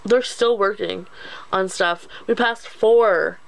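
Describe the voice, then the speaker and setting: A woman's voice: mid-range voice, takes it slowly, creaky, poor audio. A young woman chatting casually on a vlog, playful and teasing. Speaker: vlogger co-host.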